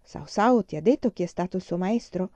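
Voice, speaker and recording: Woman reading a gentle, quietly sad man. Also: lowish voice, lively intonation, fairly quick, dry recording, close to an everyday voice. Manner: soft, gentle.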